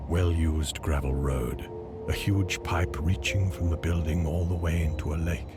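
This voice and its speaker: A man's voice: low-pitched, fairly even intonation, unhurried, loud music behind the voice. A man narrating an adventure game in terse, matter-of-fact scripted descriptions.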